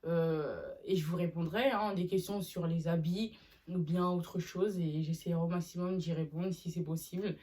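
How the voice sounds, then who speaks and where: A young woman chatting casually in a vlog, animated and slangy as she talks to her viewers. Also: on the low side, normal speed, distant mic. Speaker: vlogger. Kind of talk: casual haul video chat.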